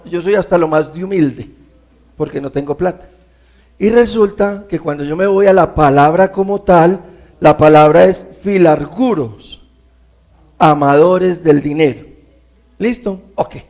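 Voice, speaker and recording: A man preaching, his voice somewhat high and gravelly. He talks to the congregation conversationally and keeps asking rhetorical questions to check they follow. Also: a little mellow. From Colombia. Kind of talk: sermon.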